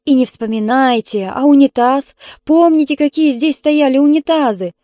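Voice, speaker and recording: A woman's voice: high-pitched, moderate pace, mellow, no echo, pitched above the performer's own voice, lightly acted. Woman voicing a good-natured middle-aged male neighbor, easygoing, unbothered, dry close sound. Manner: easygoing, unoffended.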